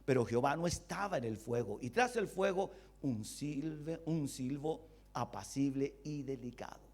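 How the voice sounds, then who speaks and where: A man pastor giving a Bible study sermon, asking the congregation questions and voicing God's replies in a lower voice. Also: normal speed. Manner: animated, rhetorical questions to the congregation.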